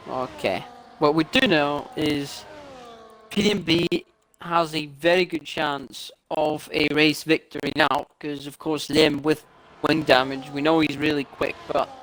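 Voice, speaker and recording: A man's voice: on the high side, steady tone, unhurried, fairly bright tone, a little hiss or hum. A man co-commentating a sim race, analytical and a little puzzled as he checks replays. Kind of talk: live sim racing commentary.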